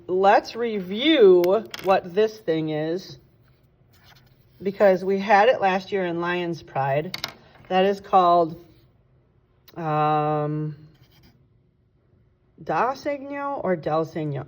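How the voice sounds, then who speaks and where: A woman orchestra teacher walking students through a sheet of music in a casual, chatty way, thinking aloud and correcting herself, swinging between bright exclamations and quiet asides. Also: fairly low pitch. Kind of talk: classroom walkthrough.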